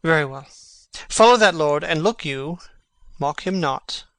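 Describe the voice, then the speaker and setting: A man playing a brooding, sharp-witted young prince, speaking verse theatrically. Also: a little high, expressive, unhurried, dry recording. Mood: courteous. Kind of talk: reading a stage play.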